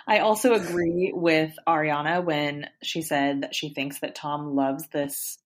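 A woman's voice: sits low, takes it slowly. A woman co-hosting a podcast, chatting casually and acting out quotes with animation. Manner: animated, acts out quotes from the show. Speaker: podcast co-host. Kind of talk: casual chat about a reality show.

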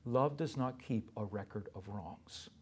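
A man's voice: fairly low pitch, a little slow, breathy edge. A male pastor delivering a sermon in an emphatic way, putting rhetorical questions to his listeners.

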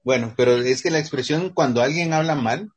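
A man's voice: mid-range voice, fairly quick, a little hiss or hum. A man in casual discussion who jokes and acts out quotes.

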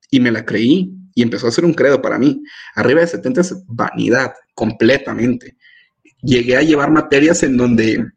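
A young man from Mexico, a student guest in a casual podcast interview, telling stories in an animated way and acting out his own past words. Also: medium pitch, slightly rough. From Mérida, Yucatán, Mexico. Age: young adult.

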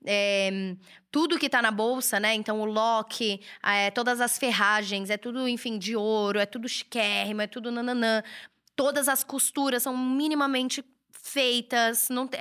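A woman's voice: fairly high pitch, pushed and bright. A woman, hosting a casual, chatty solo talk on business advice from a room at home. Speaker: host and writer. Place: indoor room with a curtain backdrop, books and a computer.

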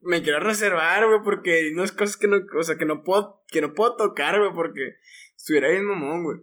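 Man, northern Mexican accent, podcast co-host, relaxed slangy banter, slightly high pitch. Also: fast talker. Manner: laid-back slangy banter, short interjections. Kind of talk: casual chat.

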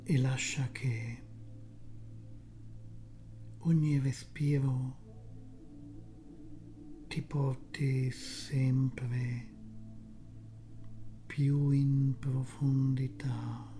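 A soft, breathy, half-whispering voice guiding a relaxation meditation soothingly, in short phrases with long pauses. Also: medium pitch, flat delivery, faint music behind. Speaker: guided meditation narrator.

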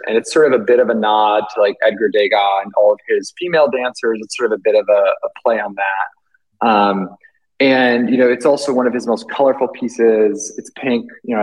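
A man's voice: on the low side, low-quality recording. A British man, an artist guest, talking casually and hesitantly with many fillers and restarts. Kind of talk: casual interview chat.

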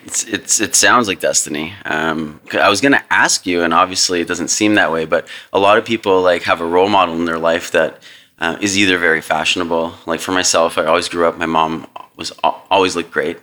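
A man's voice: low voice, steady tone, fairly quick, bright, forceful tone. A man hosting a podcast, chatting casually and hesitantly with many ums and restarts. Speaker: podcast host. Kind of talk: casual interview chat.

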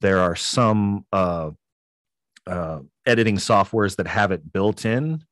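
A man speaking as a podcast guest in a casual interview, relaxed and rambling with many fillers. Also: sits low, takes it slowly, no echo, clean studio sound.

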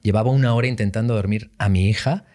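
A man talking as a guest on a casual podcast. He tells stories with lots of animation and acts out the voices of people he quotes, in a slightly low voice. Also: fast talker, darkish tone. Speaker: guest youtuber.

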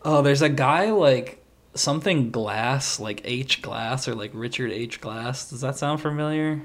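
A man's voice: medium pitch, measured pace. Rambling man chatting on a podcast. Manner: rambling, peppered with "like". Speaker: podcast co-host. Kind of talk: casual chat.

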